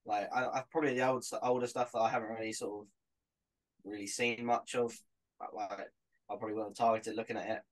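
Man, slightly low voice, hesitant, laid-back podcast chat. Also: level tone, fast, low-quality recording.

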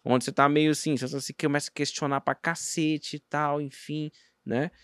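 A Brazilian man chats on a podcast with a slightly high voice that swings between loud bursts and low mutters. His talk rambles, full of slang and restarts. The sound is close and dry. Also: flat delivery, normal speed, dry recording. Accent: Brazilian Portuguese. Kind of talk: casual podcast chat.

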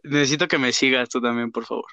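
A man's voice: medium pitch, steady tone, quick pace, pushed and bright, dry recording, muffled recording. A man with a Mexican accent chatting playfully in slang and swearing as a football podcast co-host. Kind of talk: casual football banter.

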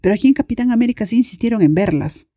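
A young woman with a Latin American Spanish accent, hosting a podcast and telling a story in a chatty, animated way. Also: a little high, racing, no echo, studio quality. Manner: chatty, animated, acts out friends' voices. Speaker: podcast host. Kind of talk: casual storytelling monologue.

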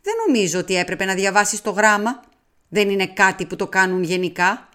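A woman voicing an earnest, easily flustered English gentleman companion in an audiobook. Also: mid-range voice, lightly acted. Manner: protesting, earnest. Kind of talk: audiobook character reading.

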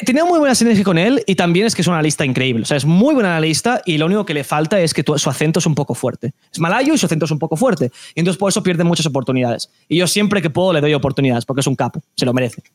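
A man's voice: a little high, no room sound. A man from Spain with a Spanish accent, an esports caster chatting casually and animatedly, with many restarts. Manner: animated, opinionated, frequent restarts. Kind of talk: casual podcast chat.

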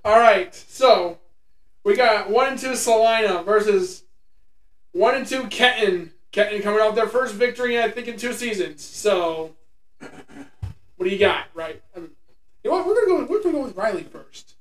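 A young man with a very high voice hosts a casual chat, giggling and teasing his friends. He sits back from the mic in a roomy, echoing space. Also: animated, moderate pace, distant mic. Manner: giggly, teasing, laughs a lot. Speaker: host. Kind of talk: casual chat, picking game scores. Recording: echoey room, voice off-mic.

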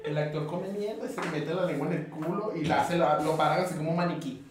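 Animated Venezuelan man telling stories. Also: fairly high pitch, quick pace, recorded from a distance, background noise. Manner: animated storytelling, laughing, slangy. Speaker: podcast guest. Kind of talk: casual chat. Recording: echoey room, off-mic, chatter behind.

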